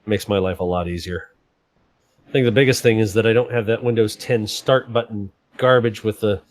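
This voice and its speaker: A man hosts a casual livestream, joking and laughing often as he rambles on about fixing his computer. His voice is lowish, with no room sound.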